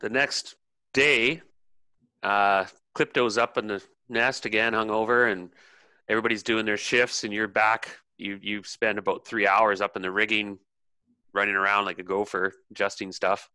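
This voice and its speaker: A man's voice: lowish voice, fairly even intonation, normal speed, pushed and bright, smooth, no room sound. A man narrating a tabletop role-playing game as game master, in a loose chatty way.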